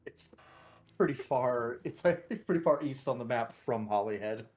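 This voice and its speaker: Man, player, mid pitch, easygoing, casual table talk. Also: lively intonation, moderate pace, a little mellow. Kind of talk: casual tabletop game play.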